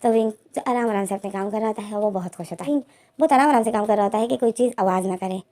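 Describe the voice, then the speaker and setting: A woman's voice: mid-range voice, rapid-fire, dark tone. A woman casually narrating a fan fiction story, voicing both characters' lines in her own voice.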